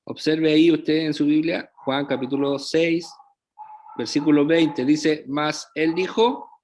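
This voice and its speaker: A man's voice: a little high, steady tone, a little mellow. A man preaching a sermon as pastor, often checking in with the congregation through rhetorical questions. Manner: slow, deliberate preaching with frequent rhetorical check-ins to the congregation.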